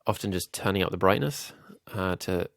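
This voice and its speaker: Recorded cleanly in a studio with no room sound, a YouTube growth coach speaks in a low voice with vocal fry at a moderate pace. Nasal and a little under the weather, he ums frequently as he reasons aloud through a screen-recorded design tutorial.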